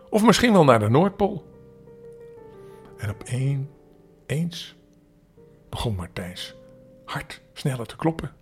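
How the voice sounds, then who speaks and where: An older man from the Netherlands reading a bedtime story aloud for children, gentle and expressive with small slips. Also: mid-range voice, creaky.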